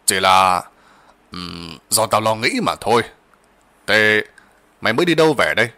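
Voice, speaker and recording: A blustering old landowner barks orders at his servant in a low, forceful voice and stammers when he is afraid, as a man reading a spoken ghost story puts him on. The voice swings widely as he threatens. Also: expressive, moderate pace. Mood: gruff bossy. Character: old rural master, gruff, bossy, frightened.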